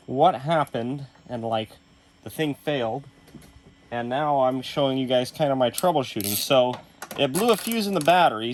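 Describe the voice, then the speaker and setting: A man's voice: medium pitch, slight background noise. A young man casually walking viewers through troubleshooting electronics in his workshop studio, explaining each step as he goes. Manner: shaken and excited at first, then calm explaining. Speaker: electronics repair video host. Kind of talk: casual hands-on demonstration.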